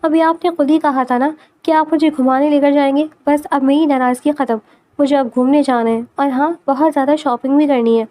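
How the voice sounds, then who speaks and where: Woman playing a young wife, high voice, pouting, playful, stubborn, innocent, storybook romance. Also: steady tone, warm tone, close to an everyday voice.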